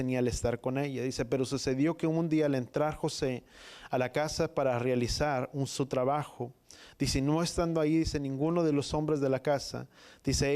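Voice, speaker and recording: A male preacher reads a scripture passage in short, broken phrases, putting "dice" between nearly every clause. His pitch sits in a middle range for a man, and he moves from reading into plain sermon teaching. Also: darkish tone. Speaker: pastor.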